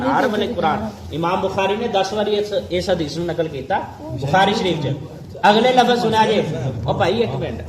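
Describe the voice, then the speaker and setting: A Punjabi-accented man with a high voice argues religion with fervent, emphatic force, hammering his points through repetition. The sound is echoey, with a faint hum of noise behind him. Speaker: religious debater. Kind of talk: heated religious debate.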